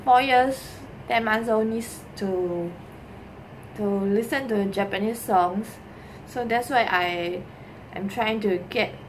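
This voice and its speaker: Speaking in a mid-range voice, this middle-aged vlogger with a Singaporean accent shows how to clean, her off-the-cuff explanation halting and repetitive and sprinkled with "lah" and "ah." She's indoors in a small bedroom with a desk. A camera mic at arm's length on the desk picks up a noisy home recording with room ambience.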